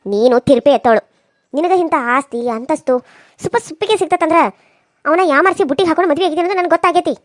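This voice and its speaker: A woman's voice: very high-pitched, racing, no room sound, studio quality. A woman voicing a harsh, scheming, wealthy middle-aged mother-in-law in a cartoon serial, with a North Karnataka accent and a scolding, contemptuous manner. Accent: North Karnataka Kannada.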